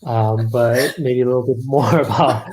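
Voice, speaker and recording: A man's voice: mid-range voice, steady tone, moderate pace, crowd noise, rough recording. A man originally from Los Angeles, a startup founder speaking as a guest in a casual online conversation, with many ums as he explains. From Los Angeles, California. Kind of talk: live online event conversation.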